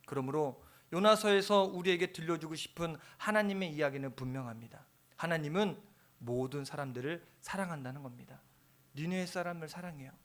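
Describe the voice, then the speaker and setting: Male pastor, high bright voice, lively sermon delivery, shifts between loud and hushed. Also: fairly quick. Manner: animated, acting out quoted prayers, dropping to a near whisper. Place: church sanctuary.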